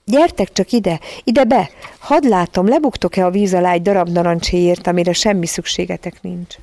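A woman's voice: on the low side, big pitch swings, gravelly, no echo, heavily acted. A woman voicing a bitter, mocking little seal. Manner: mocking, sharp-tongued. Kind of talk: audiobook character voice.

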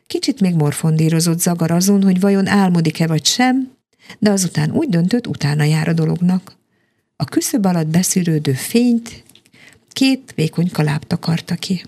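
A woman reading a children's fairy tale aloud in a calm, expressive storytelling manner. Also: on the low side.

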